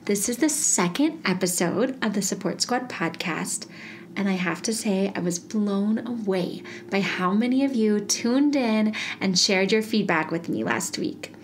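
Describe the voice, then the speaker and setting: A woman's voice: medium pitch, lively intonation, a little slow, slight background noise. A woman hosting her own podcast in a bubbly, chatty way, laughing often as she talks to listeners. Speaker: podcast host. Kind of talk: casual solo podcast.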